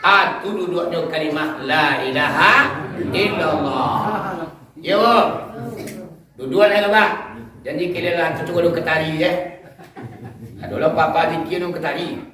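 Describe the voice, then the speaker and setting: A male preacher with a Minangkabau accent, giving a lively sermon and chanting dhikr, rising now and then to shouts. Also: fairly high pitch, unhurried, long pauses, crowd noise. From West Sumatra, Indonesia. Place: village hall or mosque, live event. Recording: echoey hall sound from far off.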